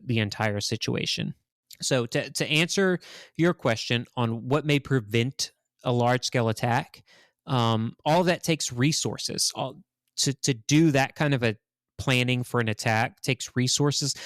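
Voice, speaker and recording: A man's voice: medium pitch, dry recording, studio quality. A man from Louisiana hosting a conversational analysis show, explaining carefully and correcting himself as he goes. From Louisiana, United States. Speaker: podcast host and analyst.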